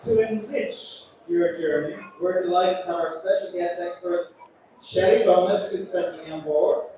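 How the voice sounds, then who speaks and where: The captain of a cruise ship, an Irishman with a high, warm voice, speaks at a normal speed in a steady tone while giving passengers a chatty, joking announcement laced with self-deprecation. It's recorded from a distance in a large, echoey atrium on board, with crowd noise around him.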